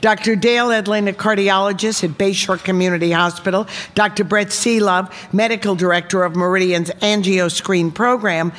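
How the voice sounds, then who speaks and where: A woman's voice: medium pitch, steady tone, normal speed, hardly any pauses, a bit bright. A woman hosting a live radio show from a reception hall, chatting with her guests and steering them with leading questions. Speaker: radio talk show host. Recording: long hall reverb from live venue.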